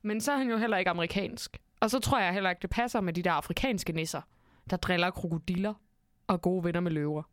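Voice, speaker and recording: A woman's voice: fairly low pitch, dry recording. Woman co-host poking holes in the story, plain mid voice, dry close sound. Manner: questioning, skeptical. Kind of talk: casual chat.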